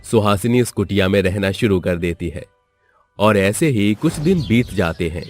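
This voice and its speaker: A man narrating a storybook tale in an expressive, scripted way. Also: on the low side, normal speed, no echo, faint music behind.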